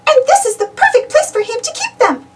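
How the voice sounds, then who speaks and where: A woman voicing a sweet, excited female cartoon mouse from a children's storybook, gleeful in manner. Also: extremely high pitch, fairly quick, background noise, voice pushed up.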